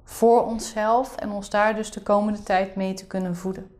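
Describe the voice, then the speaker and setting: A woman's voice: medium pitch, level tone, normal speed, darkish tone. A woman explaining a meditation exercise as the leader of the session.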